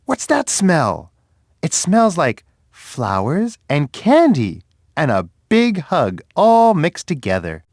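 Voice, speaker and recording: A big, gentle bear from a children's game, full of curious wonder. The delivery is unhurried and sing-song, swinging widely up and down as he speaks kindly to young children. The sound is dry and close, with hardly any room around it. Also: fairly high pitch, no room sound, heavily acted. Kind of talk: children's edutainment game voice lines.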